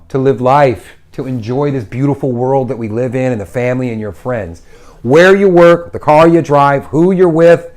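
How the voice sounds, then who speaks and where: A man in his forties hosting a casual livestream, giving encouraging advice in an animated way. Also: mid-range voice. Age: 40s. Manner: animated, encouraging, acts out little voices. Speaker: host. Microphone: phone livestream.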